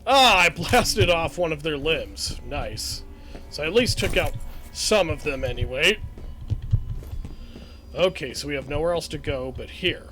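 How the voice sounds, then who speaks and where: A man talking through a video game walkthrough in a relaxed, chatty way, often amused by what he sees. His voice sits a bit on the high side. Game music plays clearly underneath his voice. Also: unhurried, long pauses. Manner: casual, chatty, chuckling at the game. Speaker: gaming channel host. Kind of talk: let's play commentary.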